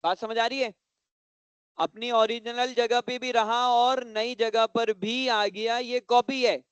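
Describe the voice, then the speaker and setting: A man teaches a computer class to children, pausing often to check that everyone understands and going back over each step. His voice is high, smooth and resonant. The sound is dry and close, with no room echo. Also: level tone, a bit bright, highs cut off. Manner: repeats points slowly and patiently.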